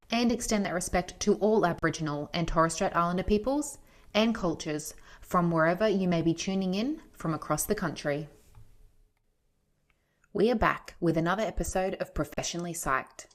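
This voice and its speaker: A woman, a lecturer, presenting a scripted podcast introduction in a polished, formal way. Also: fairly low pitch. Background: faint music.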